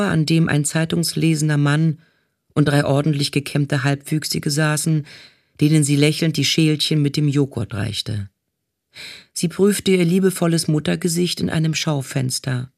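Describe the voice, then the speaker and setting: A man reading a novel aloud in calm, even scripted narration. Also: a little high, creaky, no room sound, studio quality. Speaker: audiobook reader.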